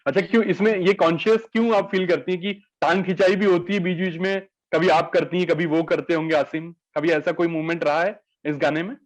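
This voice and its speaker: A man's voice: a little high, fairly even intonation, fairly quick, hardly any pauses, low-quality recording. A man hosting an entertainment interview, asking formal, flowery questions with many "uh" fillers.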